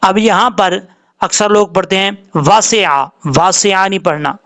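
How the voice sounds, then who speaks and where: A man teaching Quran recitation rules, explaining calmly and drawing out the words he demonstrates. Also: sits high. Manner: explains slowly, drawing out Arabic words when showing them. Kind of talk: tajweed lesson with slow demonstrations.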